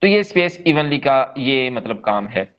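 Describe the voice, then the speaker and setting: A man's voice: mid-range voice, sing-song, measured pace, fairly bright tone, muffled recording. A man leading a live online coding class, explaining step by step in a patient, repetitive way and checking in often with his students. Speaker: coding instructor.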